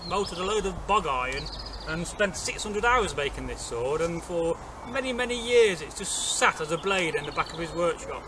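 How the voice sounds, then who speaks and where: A man's voice: a little high, lively intonation, normal speed, crowd noise. A middle-aged man with an East Midlands, Derbyshire accent, chatting casually as he shows and explains things. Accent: East Midlands English (Derbyshire). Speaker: co-host, Viking re-enactor and craftsman. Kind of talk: casual show-and-tell chat. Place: outdoors in a leafy garden. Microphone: camera a few metres away. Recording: outdoor noise, birds and distant traffic.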